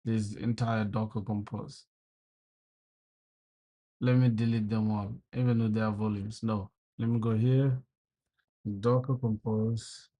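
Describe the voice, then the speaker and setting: A young man from South Sudan livestreams his coding, chatting casually with viewers, swearing, venting frustration and calling everyone bro. His voice is lowish and warm, delivered flatly and a little slowly with frequent pauses.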